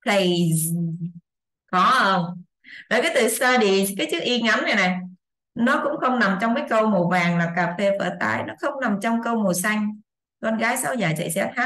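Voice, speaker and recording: A woman's voice: fairly high pitch, animated, a little fast, a bit bright. Woman teaching in an echoey room. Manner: chatty, repeats examples, keeps checking understanding. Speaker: English teacher. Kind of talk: casual online lesson explanation. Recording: roomy echo.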